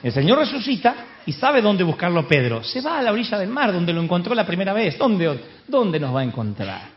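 Lively Argentine preacher telling stories. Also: male voice, sits high, brisk. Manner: storytelling with comic asides. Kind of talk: humorous sermon. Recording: dull live recording, faint crowd.

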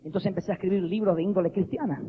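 A man preaching a lively, jokey sermon, acting out the voices he quotes. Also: high voice, racing. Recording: dull lo-fi recording with faint noise.

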